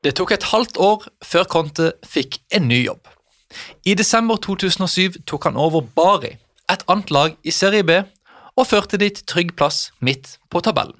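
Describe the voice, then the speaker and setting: Brisk man narrating, higher voice. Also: expressive, a bit bright, dry recording, studio quality. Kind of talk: scripted narration.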